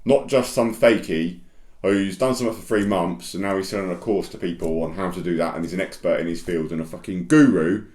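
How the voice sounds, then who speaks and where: Man, blunt and sweary, low-pitched voice, roomy echo. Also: brisk, darkish tone. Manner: blunt, swears a lot, emphatic repetitions. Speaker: construction business coach. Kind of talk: motivational straight-talking monologue.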